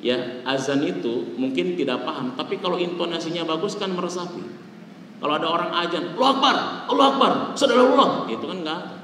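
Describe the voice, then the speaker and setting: A man preaching at a mosque talk, lively and animated, acting out quick questions and answers as he teaches. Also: on the high side. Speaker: Islamic preacher. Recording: echoey hall, distant mic, faint room noise.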